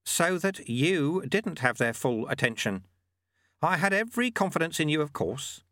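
A man voicing a wry, unflappable old master sweeper who talks smoothly and teasingly. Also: fairly high pitch, big pitch swings, normal speed, a bit bright, dry recording, clean studio sound, voice pushed up. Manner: smooth, teasing, airily lofty.

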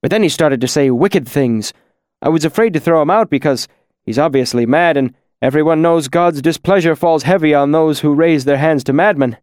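A man's voice: sits high, big pitch swings, moderate pace, a little mellow, dry recording, clean studio sound, pitched above the performer's own voice. A man voicing a bald, nervous male tavern owner who stammers, pleads and hurries his words in a storybook reading. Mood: nervous pleading.

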